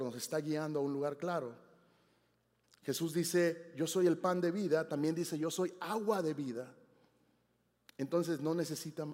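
A man preaching a sermon, telling a personal story earnestly, rising with emphasis and dropping to quiet reflection. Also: fairly high pitch. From Texas, United States. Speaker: pastor. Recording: church hall with long reverb.

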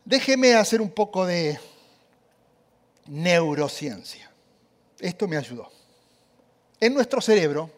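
A man preaching a sermon, speaking animatedly and addressing the audience directly. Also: high voice.

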